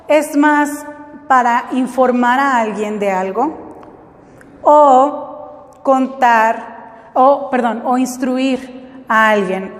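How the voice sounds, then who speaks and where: Teacher lady, talks real slow and patient, explains bit by bit, roomy echo. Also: sits high. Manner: patient, explains step by step with frequent checks. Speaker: English teacher. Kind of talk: classroom lesson.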